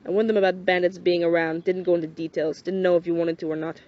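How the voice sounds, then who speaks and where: A woman voicing a blunt, gruff young wanderer who talks in curt, clipped lines and swears in an amateur audio drama. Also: on the low side, level tone, fast, lightly acted. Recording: dull lo-fi home recording.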